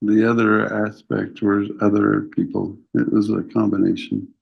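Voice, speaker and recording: A man's voice: fairly low pitch, flat delivery, moderate pace, vocal fry, husky. A man on a recorded prison phone call, agreeable and chuckling, giving brief replies.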